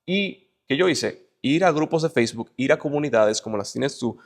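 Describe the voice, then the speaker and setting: Lively intonation marks this man's mid-range voice as he speaks at a moderate pace in an interview. He is from the Dominican Republic, has a Dominican Spanish accent, and argues emphatically and motivationally with lists and rhetorical questions.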